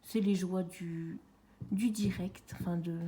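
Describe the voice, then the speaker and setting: A friendly woman in her forties talks easily to her viewers at home as she sorts her things. Her voice is mellow and warm. She sounds a bit removed, since she is caught by a camera on a tripod with its mic on the far side. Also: fairly low pitch, steady tone, slow pace. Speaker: vlogger. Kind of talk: casual chat to camera. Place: at home, sitting on the floor.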